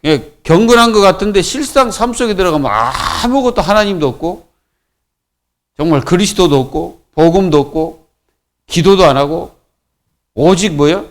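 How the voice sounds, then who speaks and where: A man's voice: high voice, moderate pace. A man preaching a Friday sermon as pastor, in a colloquial, repetitive way with many fillers. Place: church.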